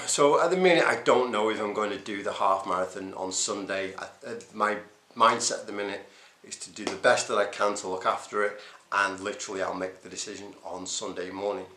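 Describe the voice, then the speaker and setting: A man's voice: lowish voice, bright, forceful tone, echoey room, slight background noise. A man recording a casual, hesitant video diary, thinking aloud as he talks. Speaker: runner vlogging his race preparation.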